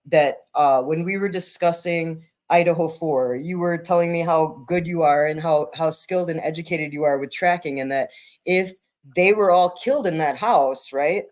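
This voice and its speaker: A woman co-hosting a livestream in casual chat, giggly and talking in quick bursts full of fillers. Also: low voice, a little mellow. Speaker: livestream co-host.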